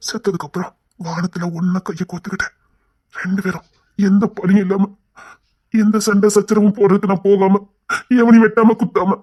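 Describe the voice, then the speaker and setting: A man voicing Kingston, a husky tender husband. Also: a little high, steady tone, fairly quick, long pauses. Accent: Kanyakumari Tamil. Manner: soft, tender, often hushed. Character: gentle young husband and father, Kingston. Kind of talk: cartoon web series voice acting.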